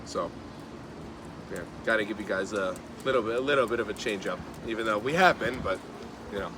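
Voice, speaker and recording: A man's voice: fairly low pitch, a little fast. Man joking on a noisy outdoor live stream. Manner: loud, joking, answers chat comments. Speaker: theme park YouTuber hosting a live stream. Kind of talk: casual live-stream chat. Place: outdoors at a theme park. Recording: outdoor noise from the park.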